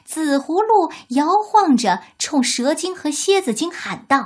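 A woman narrating a children's story in an expressive, deliberate way. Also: high-pitched.

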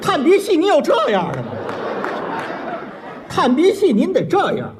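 A man playing the straight man in a xiangsheng crosstalk routine, firing back quick deadpan retorts. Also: extremely high pitch, crowd noise. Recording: live stage recording with audience and noise.

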